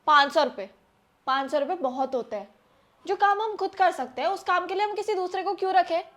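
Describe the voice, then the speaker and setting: A firm, persuasive young wife who lectures her husband on savings, played by a woman. Her voice sits high and she talks steadily, like a sensible homemaker laying down the law. It comes from a scripted family skit. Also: fairly quick, fairly bright tone.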